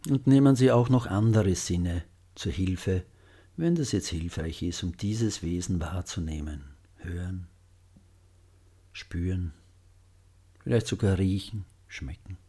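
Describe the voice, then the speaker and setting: A man with a deep, slightly husky voice leads a guided meditation. He speaks very slowly and gently, leaving long pauses between phrases. The tone is mellow and subdued, and his sentence endings soften. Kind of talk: guided loving-kindness meditation.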